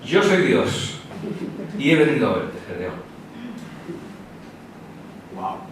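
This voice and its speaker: A man's voice: medium pitch, very animated, slow, background noise. A man with a Spanish accent preaching a sermon in a church hall, telling the story in a casual, conversational way and acting out the quotes. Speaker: pastor. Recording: very echoey hall, preacher far from mic.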